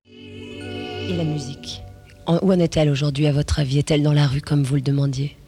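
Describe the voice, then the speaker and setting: Interviewer guy, husky dark voice, polite formal questions, bit gravelly. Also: a little high, very animated, a little fast, faint music behind.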